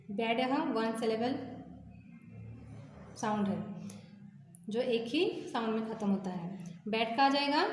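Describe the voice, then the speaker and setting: A woman teacher with a Hindi accent walks young students through a grammar lesson, speaking very slowly and deliberately. Her voice sits a little high. It rings in a roomy space with a long reverb tail. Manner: slow, careful explanation, repeating rules and reading word lists. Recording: echoey room with long reverb.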